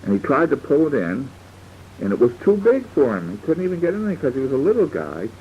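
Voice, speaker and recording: Older man, grandfather telling a bedtime story, lively swooping pitch, dull lo-fi home tape. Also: fast talker, slight background noise. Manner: rambling, homey, repeats and restarts, explains words to the child. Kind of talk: improvised storytelling to a child.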